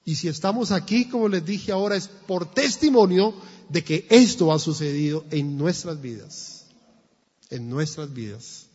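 A man preaches a sermon in a church. His husky voice sits high, and he speaks slowly and with emphasis, often repeating himself and asking questions. The recording is dull and has a long church reverb. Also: darkish tone. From Colombia. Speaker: pastor.

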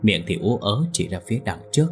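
A man's voice: fairly low pitch, a little fast. A man narrating a ghost story in a dramatic reading voice. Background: faint music.

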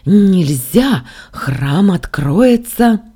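A woman voicing a crazed old male temple keeper who hisses and shouts his orders. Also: expressive, extremely slow, slightly rough, exaggerated voice. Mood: furious. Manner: hissing, shrill outbursts.

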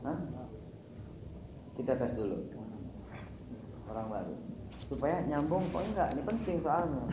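Joking preacher in echoey hall. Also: male voice, a little high, sing-song, a little slow, pauses often. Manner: joking, chatty preacher mixing Arabic phrases. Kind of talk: weekly religious lecture. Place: large echoing study hall. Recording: echoey hall from far off, noisy.

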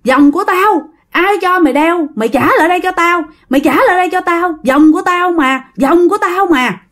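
A lady doing a shrill jealous ghost girl, wailing and demanding, way up high in a spooky story. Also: expressive, normal speed. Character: jealous ghost girl possessing her little brother.

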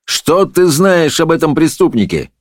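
A man performs a blustering fairy-tale judge who bellows at the accused in a raised, strained pitch, stretching every insult out slowly. He is loud, self-important and bullying. The sound is close and completely dry. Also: sing-song, no echo. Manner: roaring, bullying, drawn-out shouts. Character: blustering pompous male judge.

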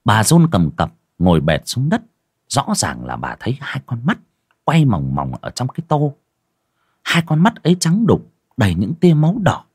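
A man's voice: mid-range voice, wildly swooping pitch, moderate pace, darkish tone, slightly rough, no room sound, studio quality. A man reading a horror story aloud in a dramatic, suspenseful narration style. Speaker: audiobook narrator.

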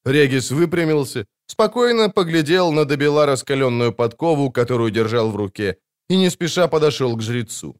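Мужчина-чтец, живая интонация. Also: male voice, mid-range voice, animated, moderate pace, few pauses, smooth. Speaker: audiobook narrator. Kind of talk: scripted narration.

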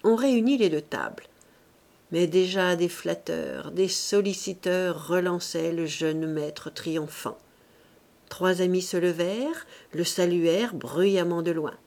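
A woman reading a classic novel aloud as an audiobook narrator, with a measured, expressive delivery. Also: lowish voice, gravelly. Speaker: audiobook reader.

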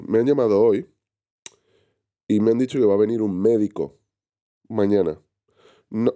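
His deep voice is gravelly and warm. Hosting a casual stream while getting over an illness, he reads chat and calls out viewers' names, rambling and restarting many times.

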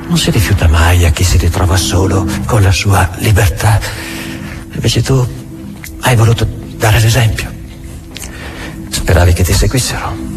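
A male actor with a lowish voice plays a bitter, imperious inquisitor in a theatrical monologue, accusing and deliberate. His lightly acted delivery is packed with rhetorical questions.

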